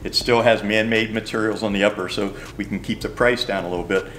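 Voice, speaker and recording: A man's voice: on the low side, fairly even intonation, fast talker, a bit bright, a little hiss or hum. An older man, a shoe company representative, patiently explaining product features in a store. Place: bowling shoe store, indoors.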